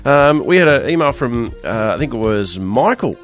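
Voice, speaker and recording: An Australian man with a croaky, hoarse voice hosting a radio show in a casual, chatty, joking way. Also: mid-range voice, expressive, normal speed, faint music behind. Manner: chatty, loose, jokey banter. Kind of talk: casual panel-show presenting.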